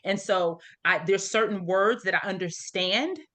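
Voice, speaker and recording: Her voice is mid-range and fairly bright, and she keeps a measured pace. She is a middle-aged woman from the United States leading an online parent support group on a video call, explaining things casually and often checking on the people listening.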